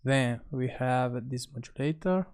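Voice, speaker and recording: Over a noisy background, a mid-range male voice narrates a software tutorial. The instructor speaks haltingly, pausing between short phrases.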